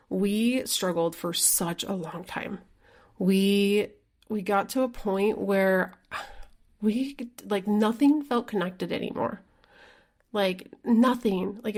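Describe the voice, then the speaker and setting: A woman's voice: medium pitch, darkish tone. A woman hosting her own podcast as a life coach, talking candidly and casually in a solo monologue, filling her speech with "like" and the odd swear word. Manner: chatty, frequent "like" fillers, candid with mild swearing.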